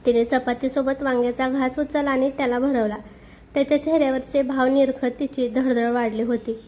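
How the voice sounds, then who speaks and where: A woman narrating a romantic family story in a steady, expressive reading voice. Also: sits high, brisk. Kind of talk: scripted narration.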